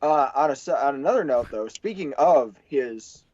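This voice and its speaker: A man's voice: medium pitch, lively intonation, normal speed, a little mellow, no echo. A man co-hosting a podcast in casual panel chat, chatty and laughing between points. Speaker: podcast co-host. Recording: dry, dull podcast mic.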